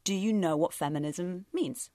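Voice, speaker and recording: A woman in her late twenties co-hosts a relaxed podcast chat. She is wry and jokey, with a voice a little low for a woman. The sound is close and dry. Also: moderate pace, dry recording. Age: late 20s. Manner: wry and joking, laughs often. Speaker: podcast co-host. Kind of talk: casual chat.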